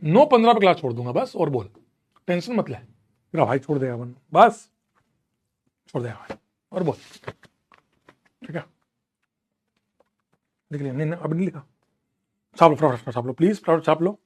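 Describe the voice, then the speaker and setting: A man's voice: on the high side, animated, moderate pace, long pauses. A young man teaching a live online class from a room at home, chatty and teasing as he answers students. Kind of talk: casual live class banter.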